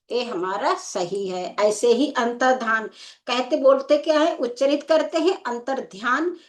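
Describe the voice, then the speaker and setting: Woman, Hindi teacher, exam-prep lecture, high-pitched, unhurried, patient and repetitive. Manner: slow and explanatory, repeating "ठीक है" as a check.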